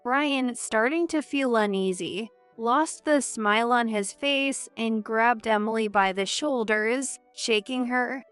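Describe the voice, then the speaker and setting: A woman narrating a first-person drama story in a measured, earnest way. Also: fairly high pitch, fairly bright tone, clean tone, faint music behind.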